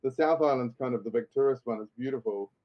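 A man's voice: mid-range voice, fast talker, lo-fi sound. A man with a New Zealand accent, a guest comedian chatting casually on a podcast with frequent restarts.

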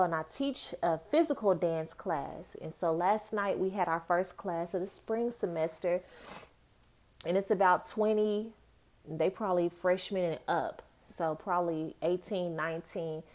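A woman with a fairly low voice speaks straight to the camera in a casual vlog. She teaches dance and works through her frustrations out loud. She uses "like" constantly and asks one rhetorical question after another. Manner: reflective, peppered with "like" and rhetorical questions.

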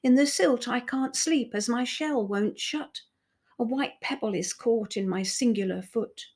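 A woman voicing a sad, polite giant river clam in a storybook, in a high, plaintive voice. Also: measured pace, a little mellow, heavily acted. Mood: fretful.

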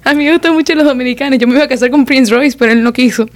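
A woman's voice: sits high, rapid-fire, slight background noise. A woman from Panama, a guest artist in a studio podcast chat, talking playfully with frequent giggles and slips into English. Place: recording studio.

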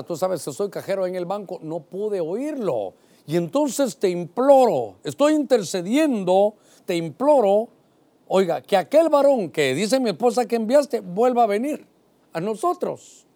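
A man's voice: sits high, lively intonation, slow pace, dark tone, dry recording, heavily acted. A man preaching who voices Manoah, a bank teller, imploring God with rising intensity.

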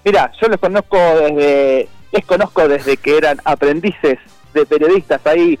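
A man's voice: fairly high pitch, moderate pace, no echo, rough recording. Male guest, easygoing rambler, dry sound with faint music. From Argentina. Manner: relaxed, rambling, many fillers and restarts. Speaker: murga member, guest. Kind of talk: casual phone interview.

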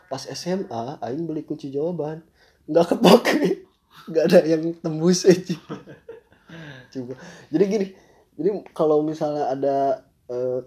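A man's voice: medium pitch, dark tone. A man with a Sundanese-tinged Indonesian accent chatting casually as a guest, rambling and hesitant. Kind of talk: casual chat.

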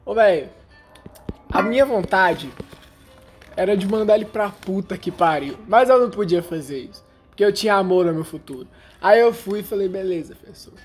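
A man's voice: sits high, lively intonation, normal speed, long pauses, soft background music. A young man, telling a story in casual slang, laughing now and then. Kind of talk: casual chat.

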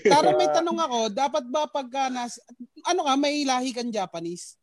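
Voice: sits high, normal speed, over a noisy crowd. A podcast co-host in a casual chat, joking around and laughing often.

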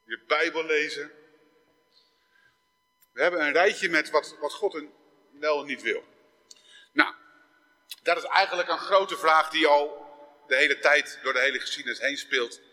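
Male preacher, bright forceful tone, sermon in a long-echoing church hall. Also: on the high side, measured pace, pauses often. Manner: conversational, with dramatic raised reading of scripture.

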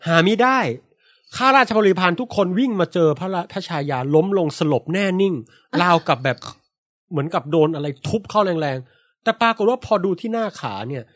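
A man's voice: high voice, animated, a little fast. A man telling a folk tale on a casual podcast, acting out screams and sound effects as he goes. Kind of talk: casual storytelling.

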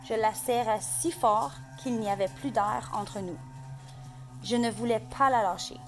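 A woman reading a story aloud to a class in a slow, soft, measured way. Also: on the high side.

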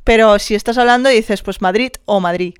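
A woman's voice: fairly high pitch, fairly even intonation, brisk, clean tone, dry recording, clean studio sound. A woman in her thirties from Catalonia, with a Catalan accent, chatting casually through a quiz, reading questions aloud and dropping English slang. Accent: Catalan Spanish. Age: 30s. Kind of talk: casual chat while doing an online quiz.

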